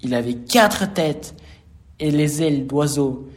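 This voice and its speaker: A man reading a rhymed children's storybook aloud, slow and expressive. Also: fairly high pitch.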